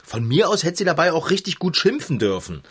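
A woman's voice: low-pitched, sing-song, a little fast, husky, full character voice. A woman voicing a hot-tempered bicycle mechanic in a children's audio drama, indignant and complaining. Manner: indignant, easily riled, complaining.

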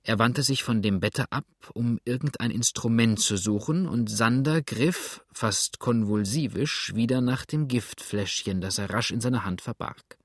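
A male narrator reads an audiobook in a steady, measured way. His voice has a middle pitch, and the recording is dry and close with no room echo.

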